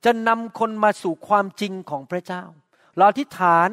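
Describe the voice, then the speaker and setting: A man's voice: sits high, moderate pace, a bit bright, no room sound, studio quality, long reverb tail. A middle-aged man preaching a sermon, earnest, acting out short quoted exchanges. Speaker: pastor.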